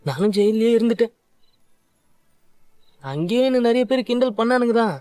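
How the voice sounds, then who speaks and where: A man's voice: extremely high pitch, lively intonation, normal speed, darkish tone, dry recording. A man playing a grateful ex-convict youth. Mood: earnest. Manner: earnest, emotional confession. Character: grateful young man, former prisoner. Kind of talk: dubbed serial dialogue.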